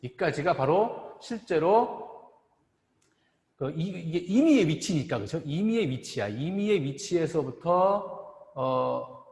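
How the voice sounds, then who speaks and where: A middle-aged man gives a university lecture in a lively voice that swings up and down. He speaks haltingly, repeating phrases and checking in with the class. The sound is roomy, with a long, hollow reverb trailing each phrase. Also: a little high. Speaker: optometry professor. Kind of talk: lecture at a board.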